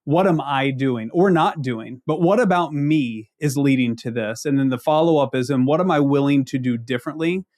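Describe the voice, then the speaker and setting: A man's voice: mid-range voice, normal speed, hardly any pauses, a little mellow. A man from the Ozarks with an Ozark accent, giving conversational leadership advice as a panel guest, emphatic and fond of rhetorical questions. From Ozarks, United States.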